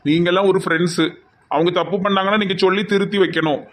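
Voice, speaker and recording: A bitter, sarcastic jilted young man from a cartoon, voiced by a man. He speaks quickly in a high voice with a Tirunelveli Tamil accent. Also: steady tone, a bit bright.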